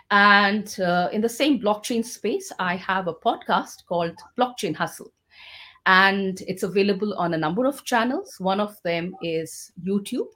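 A woman hosting an online Q&A session as a podcast host, speaking in formal, measured phrases with frequent pauses. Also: medium pitch, a bit bright.

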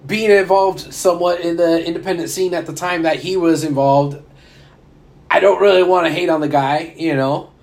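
A man talking loosely about wrestling in a casual podcast chat. His voice sits a little high, and he rambles, restarts his sentences and laughs often. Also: fairly even intonation, normal speed. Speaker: podcast co-host.

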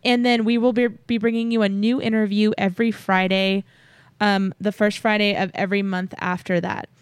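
A woman's voice: mid-range voice, little pitch movement, normal speed, clear, resonant tone, no echo. A woman hosting a podcast, giving listeners a chatty update in a cheery, enthusiastic way. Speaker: podcast host. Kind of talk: upbeat podcast announcement, chatty.

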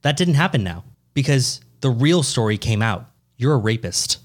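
A man in his twenties co-hosting a podcast, teasing and laughing often, his voice jumping high when excited. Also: normal speed. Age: 20s. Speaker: podcast co-host. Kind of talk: casual podcast banter.

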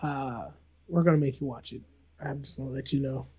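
A man's voice: medium pitch, a little fast, muffled recording, a crowd in the background. A man hosting a casual podcast chat, joking and teasing his co-hosts and saying "like" often. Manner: jokey, teasing, says "like" often. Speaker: podcast host.

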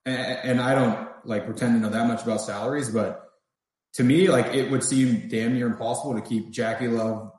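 A man's voice: medium pitch, steady tone, normal speed, a little mellow, very echoey, low-quality recording. A man appearing as a guest analyst on a casual podcast, thinking aloud with lots of fillers and hesitations.

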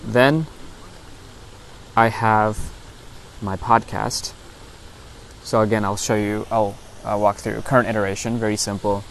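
A man hosting a casual solo podcast outdoors in an open park on a lapel mic, explaining step by step in a halting, self-correcting way. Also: on the low side, flat delivery, poor audio. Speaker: podcast host and vlogger. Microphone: lapel lavalier into a phone. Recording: outdoor park recording with clear background noise.

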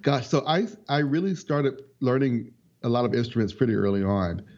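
Soft-spoken young man, dull lo-fi sound. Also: mid-range voice. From North Carolina. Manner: relaxed, rambling, with many ums and quick laughs. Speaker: interview guest, multi-instrument musician. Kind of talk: casual interview chat. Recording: dull lo-fi audio.

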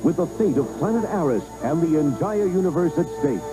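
A man's voice: a little high, expressive, a little fast. A man narrating a scripted toy commercial in a dramatic, grandiose promotional style. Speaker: commercial announcer. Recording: music bed under the voice. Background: music.

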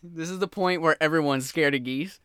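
A man's voice: fairly high pitch, fairly quick, a bit bright, clear, resonant tone, dry recording, studio quality. A man running a tabletop game as game master, narrating in a loose, giggly way with casual swearing and plenty of filler words.

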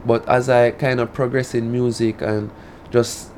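A man's voice: mid-range voice, level tone, a little slow, darkish tone, a little hiss or hum. A man with a Jamaican accent and a rural drawl, a Patois speaker talking casually as an artist being interviewed. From rural Jamaica (Saint Elizabeth). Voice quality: country drawl.

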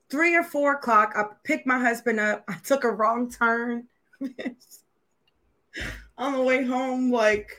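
Woman pastor, slightly high voice, loose conversational sermon opener, self-deprecating, quick to laugh. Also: a bit bright. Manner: candid and self-deprecating, laughing often, asking viewers questions. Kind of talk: casual, conversational sermon opening to an online congregation.

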